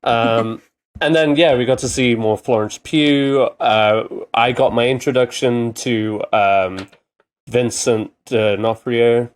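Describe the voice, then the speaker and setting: A man's voice: mid-range voice, fairly even intonation. A man in casual podcast chat. He rambles and halts, filling gaps with ums and uhs. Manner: rambling, halting with many fillers. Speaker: podcast co-host.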